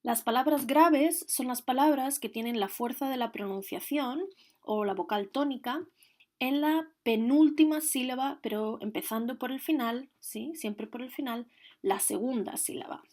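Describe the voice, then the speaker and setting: A woman's voice: a little high, normal speed. A woman teaching a grammar lesson, explaining the rules patiently and carefully, one step at a time. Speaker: Spanish teacher.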